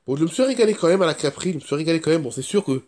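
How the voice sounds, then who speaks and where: A fast-talking vlogger with a fairly high, darkish, stuffy-nosed voice rambles very quickly with lively intonation. He has a cold and sore throat and keeps repeating himself in his casual first-person chat.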